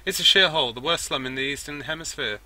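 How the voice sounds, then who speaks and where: A gruff female dwarf with a rat at her shoulder, blunt and mocking, her voice pushed up high, as a man puts her on. She talks like someone who has seen every slum there is. The tone is sharp and tense. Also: quick pace.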